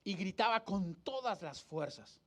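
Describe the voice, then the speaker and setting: A man's voice: high-pitched, expressive, unhurried. A man preaching a sermon as pastor, acting out scenes and asking rhetorical questions. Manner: dramatic, acts out the crowd and the blind man's cries, rhetorical questions. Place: church hall.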